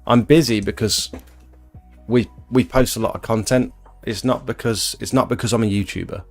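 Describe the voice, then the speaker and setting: A British livestream host in his thirties, who works as an exterior cleaner, reads out viewers' comments and answers them in a rambling, chatty way from his small bedroom office. His fairly low voice stays fairly even at a normal speed over soft background music.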